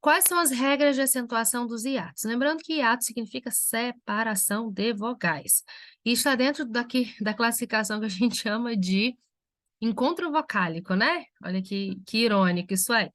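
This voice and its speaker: A woman's voice: a little high, a bit bright, no room sound. Woman teacher in a dry lecture. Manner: slow, spelled-out examples for students. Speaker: Portuguese language teacher. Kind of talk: recorded lecture.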